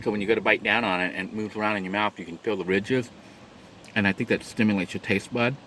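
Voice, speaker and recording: With background noise behind him, a man with a lowish, steady voice talks fast. The clip is a mukbang-style vlog from inside his parked van, where he eats, chats unhurriedly and details his food.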